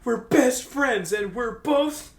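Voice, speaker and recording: Speaking slowly, a man with a very high-pitched voice and lively intonation co-reads fan fiction aloud, hamming it up in a comic, mock-dramatic style and trading jokes as he comments. The recording has faint background noise and an echoey room.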